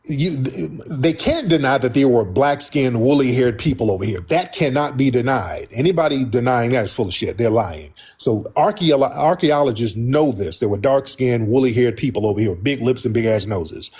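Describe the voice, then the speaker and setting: An American man hosts a casual live talk in a husky, medium-pitched voice. His speech is blunt and colloquial. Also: lively intonation, moderate pace, few pauses, a little mellow. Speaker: host.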